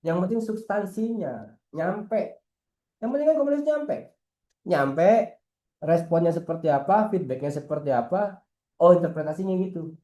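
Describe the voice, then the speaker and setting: A man's voice: high-pitched, roomy sound. A man, a football coach talking casually in an internal team meeting, teasing and asking rhetorical questions. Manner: lively, slangy, teasing, asks rhetorical questions.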